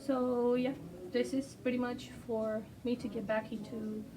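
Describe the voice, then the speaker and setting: Her voice is on the high side with little pitch movement as she sketches and rambles hesitantly, filling gaps with ums and putting herself down. English isn't her first language, and the recording comes from a distant mic amid background music and noise.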